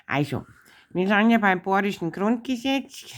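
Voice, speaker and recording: A woman's voice: medium pitch, animated, measured pace. A woman with a Bavarian accent hosting a casual comedic chat, bossy and teasing as she corrects someone. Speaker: show host teaching Bavarian.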